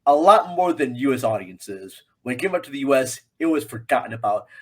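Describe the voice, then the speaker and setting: A man speaks as a guest reviewer in a casual film discussion, with a medium pitch and a sing-song delivery. He is halting and repeats himself for emphasis.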